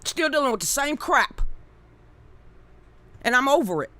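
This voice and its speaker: A live-stream political commentator, this woman rants bluntly and heatedly to her viewers, cursing plenty in an unscripted delivery. Her high voice is pushed and bright with lively intonation, unhurried, and the recording is dry.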